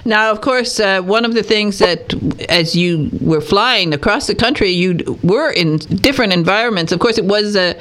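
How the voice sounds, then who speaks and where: A woman interviewing a guest in casual chat, talking warmly and laughing between her words. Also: medium pitch, normal speed, few pauses.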